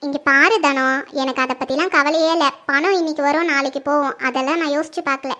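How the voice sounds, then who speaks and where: A rich but humble middle-aged mother speaks calmly and graciously to her neighbor, as a performer puts her on. Her voice is high and bright, and her manner is reassuring and unhurried in this homemade skit. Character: wealthy, kind middle-aged mother seeking a bride. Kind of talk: home-made Tamil family skit acting.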